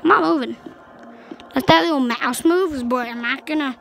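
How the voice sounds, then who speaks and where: A woman giving excitable let's play commentary over a game, yelping at scares and dropping into hushed whispers. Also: high voice, normal speed, slight background noise, rough recording. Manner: excitable, swings between yelps and hushed whispers. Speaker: gameplay commentator. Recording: game music playing clearly behind the voice.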